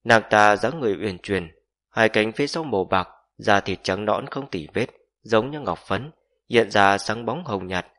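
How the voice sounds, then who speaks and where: A man reads a fantasy novel aloud as an audiobook narrator. His voice sits fairly low and his delivery stays steady and measured throughout.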